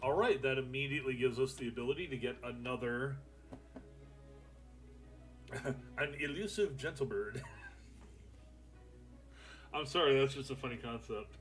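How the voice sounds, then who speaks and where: A man's voice: mid-range voice, steady tone, normal speed, faint music behind. Young man rambling over a strategy game. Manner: thinking aloud, rambling, swears casually. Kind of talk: casual gameplay commentary.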